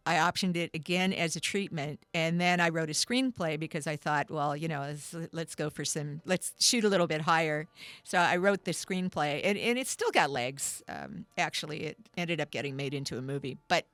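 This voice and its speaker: Low-voiced woman, rambling stories. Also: normal speed, fairly bright tone, no room sound. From Canada. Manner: rambling storyteller, lots of fillers and restarts. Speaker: guest musician and writer. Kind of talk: casual studio interview. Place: radio studio.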